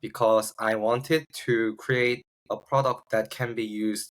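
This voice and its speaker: Speaking slowly in a fairly low, fairly bright voice with fairly even intonation, a South Korean startup founder shares personal stories as a podcast interview guest. He has a Korean accent and often searches for words as he talks casually.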